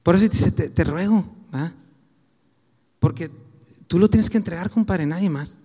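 Mexican guy preaching, pretty high voice, chatty storytelling, big echoey hall. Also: moderate pace, warm tone. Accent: Mexican Spanish. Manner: conversational, anecdotal, slangy. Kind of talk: sermon.

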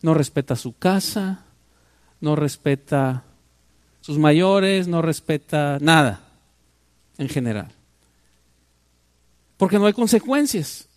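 High-voiced older preacher. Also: male voice, animated, slow, pauses often, no room sound. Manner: asks the congregation rhetorical questions. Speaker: pastor. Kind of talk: sermon.

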